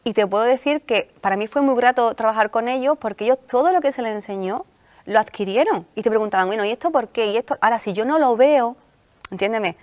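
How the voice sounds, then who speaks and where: Fast-talking Andalusian woman psychologist. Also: fairly high pitch. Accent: Andalusian Spanish. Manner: animated storyteller acting out quoted coaches. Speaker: sports psychologist guest. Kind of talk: talk show conversation.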